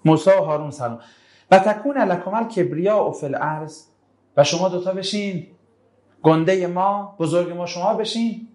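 A man's voice: high-pitched, darkish tone. Man quizzing a class in a Quran lesson. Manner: quizzes students again and again, brushing off answers; recites Arabic verses slowly, then glosses them in colloquial speech. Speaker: religious teacher.

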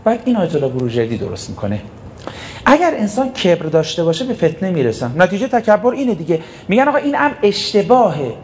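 A man's voice: high voice, darkish tone, a little hiss or hum. A man preaching a sermon, emphatic, asking rhetorical questions and answering them himself. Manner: storytelling preacher who acts out short quotes. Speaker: cleric preacher.

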